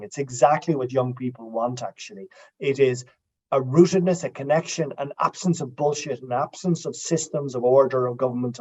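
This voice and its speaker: An Irish man, a writer and guest in an interview, telling lively stories and dropping in Irish-language phrases. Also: medium pitch, lo-fi sound. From Ireland. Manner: animated storytelling, quotes Irish phrases. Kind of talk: casual interview talk.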